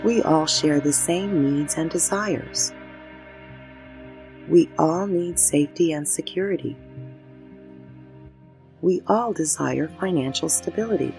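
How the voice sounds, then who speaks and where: A woman guiding a meditation as host, speaking in measured, instructional phrases. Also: low voice, creaky, a little mellow, faint music behind. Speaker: meditation guide and show host. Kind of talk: guided meditation, scripted narration.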